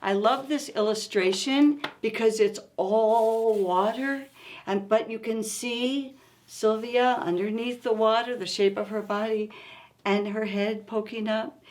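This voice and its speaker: A woman runs a storytime for little ones, reading a picture book aloud at a slow pace. Her voice is a little high, and she's expressive and coaxing, asking the children questions as she goes.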